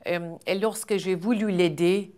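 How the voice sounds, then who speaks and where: Earnest, low-voiced middle-aged woman from Iran. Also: fairly even intonation, a little mellow. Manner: earnest, measured, frequent hesitations. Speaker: charity founder and guest. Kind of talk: earnest interview answers.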